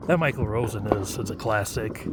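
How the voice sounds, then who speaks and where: A man's voice: fairly low pitch, very noisy. A man vlogging outdoors at night, rambling casually with many fillers and hesitations. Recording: loud fireworks and firecrackers outdoors.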